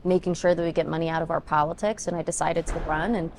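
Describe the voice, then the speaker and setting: A woman's voice: low voice, steady tone, quick pace, a little hiss or hum. A woman in her twenties, raised in Denver, answering interview questions as a congressional candidate, earnest, with many ums. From Ethiopia, raised in Denver. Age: 20s. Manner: earnest, talks in long run-on points with many ums.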